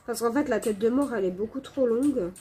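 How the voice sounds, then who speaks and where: A woman's voice: fairly high pitch, fairly quick, mellow, slightly rough. Apologetic French woman with a cold. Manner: apologetic, chatty, many fillers and hesitations. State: sick with a cold, coughing. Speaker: coloring video creator. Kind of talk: casual talk while coloring. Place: home.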